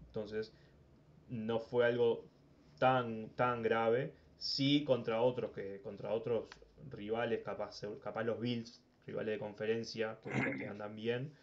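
A man's voice: fairly low pitch, level tone, slow pace, lo-fi sound. A Uruguayan man hosting a casual sports talk podcast, rambling and often repeating words as he thinks. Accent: Uruguayan Spanish. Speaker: podcast host.

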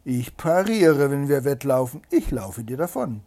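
A sly, stubborn little hedgehog with a gravelly, husky voice, as a man reads him out. He talks in a blunt, bossy way and always has a trick up his sleeve. The delivery swings up and down with life. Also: medium pitch, sing-song, a little slow, mellow.

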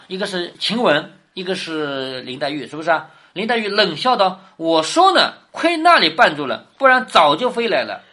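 A woman's voice: on the low side, fairly bright tone. A woman teaching a classic novel, reading passages aloud and then explaining them, often asking her listener questions. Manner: asks the listener questions, reads quoted lines with more lift.

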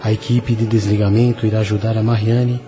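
A man playing a serene, wise spirit guide, measured and didactic in a radio drama. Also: on the low side, flat delivery, lightly acted. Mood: serene, solemn. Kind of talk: solemn radio drama acting. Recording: music under the voice.

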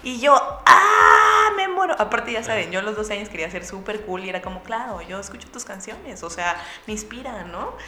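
A young woman with a Mexican Spanish accent, telling a lively anecdote to friends and acting out the voices of the people in it. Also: medium pitch, a little fast, hardly any pauses, roomy sound. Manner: lively storyteller acting out voices with bursts of laughter.

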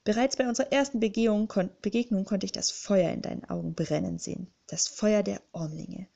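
A woman's voice: medium pitch, steady tone, brisk, gravelly, mellow, dull audio. A woman reading an audiobook, voicing a jovial, secretive male bookling creature who speaks dramatically and conspiratorially. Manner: dramatic, conspiratorial, grips and urges. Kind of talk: audiobook character voice.

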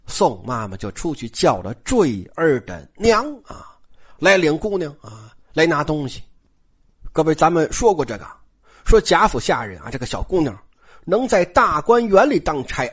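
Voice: medium pitch, slightly rough. A storyteller telling a classic tale in a chatty way, full of rhetorical asides. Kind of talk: colloquial storytelling lecture.

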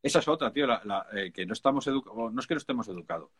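A man's voice: mid-range voice, lively intonation, racing, fairly bright tone, slightly rough. Casting: Spanish-accented man, music producer, casual slangy chat, emphatic. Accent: Spain Spanish. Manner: chatty, informal, emphatic, peppered with slang.

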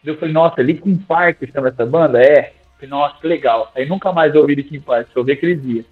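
A young man, a singing teacher, telling animated, slangy stories in a podcast interview and acting out his own old lines. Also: on the high side, a little fast. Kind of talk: casual storytelling in a podcast interview. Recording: tinny phone-like sound with faint music.

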